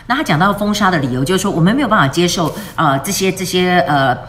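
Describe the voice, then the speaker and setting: A woman with a somewhat low voice explaining English vocabulary from news stories. She spells words letter by letter and poses questions to her listeners before answering them. She moves freely between Mandarin and English mid-sentence. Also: animated, quick pace, fairly bright tone, a little hiss or hum. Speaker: English teacher. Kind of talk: news-based vocabulary lesson.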